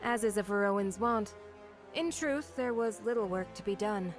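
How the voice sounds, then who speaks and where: A woman's voice: medium pitch, lightly acted. Woman acting a cool, courtly female agent. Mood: composed report. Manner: formal, measured, courtly. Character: cool, deferential female agent serving a sovereign. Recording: game music behind the voice.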